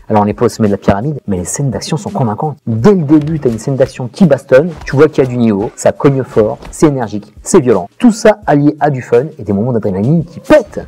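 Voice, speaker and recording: A man's voice: mid-range voice, mellow, husky. A man giving a casual, slangy TV series review straight to the viewer, calling him buddy. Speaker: video reviewer.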